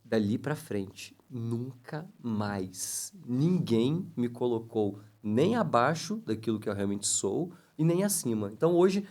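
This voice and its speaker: A man's voice: mid-range voice, a little mellow. A man who is a podcast guest, speaking earnestly and telling a personal story about a faith experience. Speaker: podcast guest, ministry leader. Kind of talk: casual podcast conversation.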